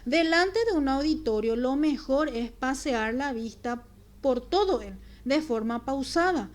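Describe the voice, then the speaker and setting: A woman teacher, giving a recorded class in a clear, deliberate way with examples. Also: a little high, darkish tone. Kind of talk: recorded remote class lesson.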